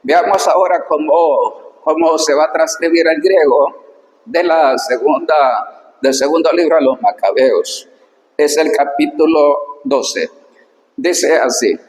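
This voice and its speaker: A man gives a slow, careful language lesson, sounding out words piece by piece before explaining them. His voice sits a little high for a man and he speaks very slowly. The room is echoey, with a long reverb tail. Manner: reads Greek slowly syllable by syllable, then explains patiently. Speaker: Biblical Greek teacher. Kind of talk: slow instructional reading lesson.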